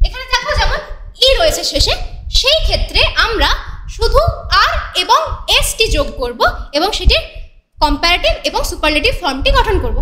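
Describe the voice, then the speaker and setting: In an echoey room with faint noise, a woman gives an English grammar lesson in a very high, pushed, bright voice. She explains the rules patiently one step at a time, questions the class, and reads English example sentences slowly.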